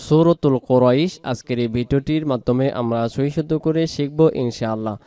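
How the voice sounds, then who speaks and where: A man with a Bangladeshi Bengali accent teaching Quran pronunciation word by word, explaining each sound and repeating words slowly. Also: medium pitch, mellow, smooth, dry recording. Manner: explains, then chants words slowly and drawn out. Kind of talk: slow word-by-word pronunciation lesson.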